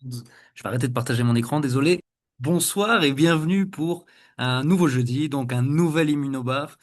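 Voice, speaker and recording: A man's voice: medium pitch, normal speed. A man hosting a weekly online call, introducing a guest with many fillers and restarts. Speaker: webinar host. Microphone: video call.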